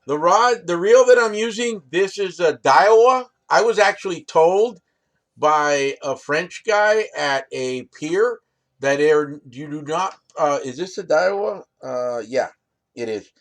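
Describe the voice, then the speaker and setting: A man's voice: a little high, animated, takes it slowly. A man from the United States casually showing fishing rigs, rambling with fillers and restarts and often asking the viewer "right?". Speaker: fishing channel host. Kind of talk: casual gear demonstration.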